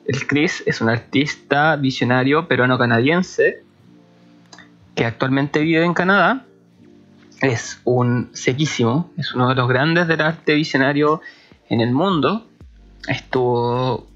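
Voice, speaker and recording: With soft music behind him, a podcast host speaks at a medium pitch and a slightly slow pace, in lo-fi sound. He warmly introduces a guest he admires and interviews him casually with eager, fan-like enthusiasm.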